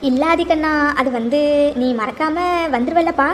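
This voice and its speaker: A high-pitched, fussy mother figure in a homemade cartoon, voiced by a woman. She nags and frets without letup. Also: moderate pace, slight background noise, natural voice. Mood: impatient. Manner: nagging, fussy. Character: impatient, fussing middle-aged mother.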